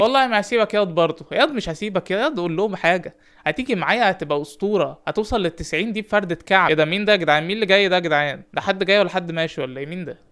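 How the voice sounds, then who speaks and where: A young man with an Egyptian Arabic accent commentates his own gameplay for his channel. His voice sits high and the words tumble out very fast. He keeps up a running stream of playful, teasing banter aimed at the characters on screen. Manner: rapid, animated, teasing banter with in-game characters. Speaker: gaming YouTuber.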